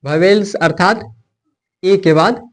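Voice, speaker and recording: Man, somewhat high voice, unhurried, English phonics teacher, repeats and checks in. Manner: slow, repeats sounds and checks with "ठीक है". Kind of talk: blackboard phonics lesson.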